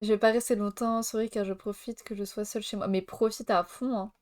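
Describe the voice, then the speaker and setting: A woman's voice: mid-range voice, steady tone, brisk, a little mellow. A young woman live-streaming from France, chatting casually with viewers and laughing while she jokes in mock Spanish.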